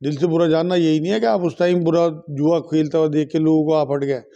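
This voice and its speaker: A man from India speaks as an Islamic scholar in a religious question and answer session. He repeats each question aloud, then gives a firm, steady ruling in a fairly high but mellow voice. The recording sounds dull and lo-fi. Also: fast talker.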